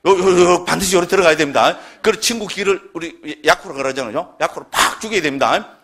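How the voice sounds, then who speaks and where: A man teaching a Buddhist scripture class in a fairly high voice. He talks emphatically and keeps tossing short tag questions at his listeners to check they follow. His delivery is lively and direct. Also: fast. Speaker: Buddhist lecturer.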